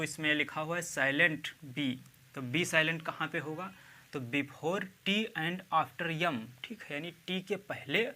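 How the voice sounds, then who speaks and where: A man's voice: fairly high pitch, bright, forceful tone. A man giving a video lecture on English spelling, spelling words out letter by letter and checking in with "theek hai" after each point. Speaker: English teacher.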